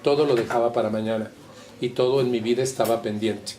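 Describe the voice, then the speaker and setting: A man's voice: medium pitch, fairly even intonation, quick pace, warm tone, a little hiss or hum. A man with a Mexican accent speaking candidly and colloquially to a support group, often turning to ask his listeners questions. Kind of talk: personal talk to a support group.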